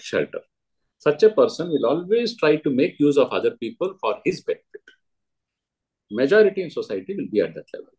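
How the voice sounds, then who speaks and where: A man with a South Indian accent giving a spiritual discourse as a teacher, in short, emphatic, deliberate phrases, often repeated. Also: mid-range voice, darkish tone, rough recording. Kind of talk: spiritual discourse answering a question, with parables.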